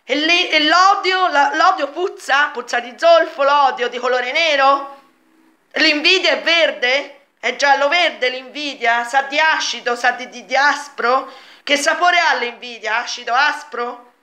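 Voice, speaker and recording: A woman's voice: high-pitched, unhurried, bright, forceful tone. A woman vlogger making an emphatic, insistent monologue full of rhetorical questions in reply to a comment. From Italy. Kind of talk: argumentative monologue answering a comment.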